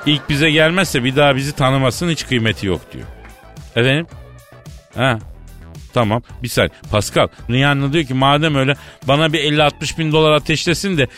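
A man's voice: medium pitch, fairly quick, fairly bright tone, faint music behind. A man hosting a comedy radio show, teasing his co-host and staging a fake phone call. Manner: jokey, teasing, mimics the other end of a phone call.

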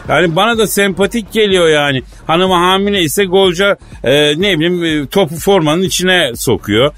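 A man's voice: a little high, fairly bright tone. A man hosting a radio comedy sketch as the playful straight man, teasing in a mock-formal way.

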